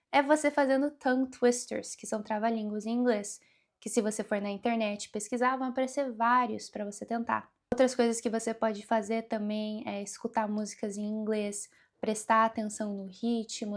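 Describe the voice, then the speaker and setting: A young woman giving a casual English lesson, speaking slowly and deliberately and mixing English words into her speech. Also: mid-range voice, darkish tone. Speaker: English teacher.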